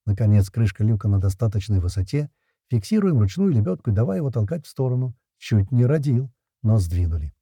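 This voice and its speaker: Husky, dark-voiced male narrator. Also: lowish voice, very animated, fairly quick, no room sound, studio quality. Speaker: audiobook narrator. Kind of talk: first-person audiobook narration.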